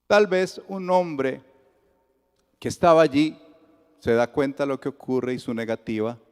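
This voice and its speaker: A man's voice: mid-range voice, unhurried, clear, resonant tone, in a large hall. A man with a Colombian accent, a pastor preaching a sermon and acting out the dialogue as he tells the story. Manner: lively storytelling that acts out the dialogue. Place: church sanctuary.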